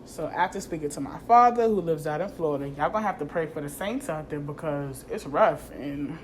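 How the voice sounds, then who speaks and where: Low-voiced woman telling a profane story. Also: a little fast, a little hiss or hum. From New York. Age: 30s. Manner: animated, profane, slangy, acts out quoted dialogue. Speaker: vlogger. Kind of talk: casual storytelling vlog.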